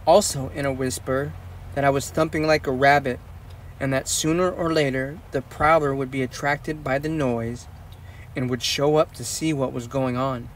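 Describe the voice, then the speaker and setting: A man narrating an audiobook in a measured, steady first-person storytelling voice. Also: medium pitch, recorded from a distance, a little hiss or hum. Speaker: audiobook reader.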